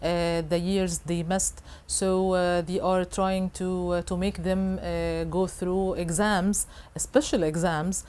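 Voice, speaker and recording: Slow, hesitant woman with a lowish voice. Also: little pitch movement, a little mellow, clear, resonant tone. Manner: hesitant, many filler sounds and restarts. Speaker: interviewed guest reporter. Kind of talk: interview answers.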